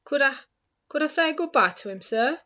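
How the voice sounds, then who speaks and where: A woman voicing a big, soft-hearted male giant with a loud, rustic and emotional way of talking, in a dull lo-fi recording. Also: sits high, expressive, moderate pace, pitched above the performer's own voice. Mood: pleading.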